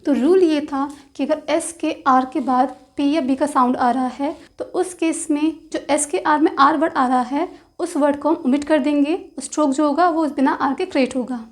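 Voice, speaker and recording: High-voiced woman teaching shorthand. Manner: slow, deliberate spelling out of example words. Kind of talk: explaining lesson.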